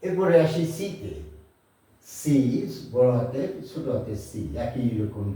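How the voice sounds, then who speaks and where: A man's voice: mid-range voice, very animated, a little slow, mellow. A man from Bangladesh who teaches English, giving a beginner pronunciation lesson and explaining patiently with questions he answers himself. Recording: echoey room, voice from a distance.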